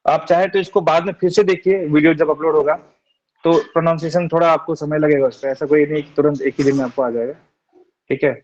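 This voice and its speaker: Young man, online teacher, reassuring and patient, repeats sounds slowly, raised pitch, lo-fi muffled audio. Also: fairly even intonation, darkish tone, a little hiss or hum. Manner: reassuring, repeats syllables slowly, often asks "theek hai?". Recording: dull lo-fi online class audio.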